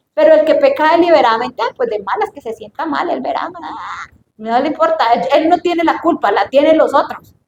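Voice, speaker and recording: Woman preacher, high voice, earnest Bible teaching, echoey room with faint noise. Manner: earnest, acts out prayers in a hushed voice.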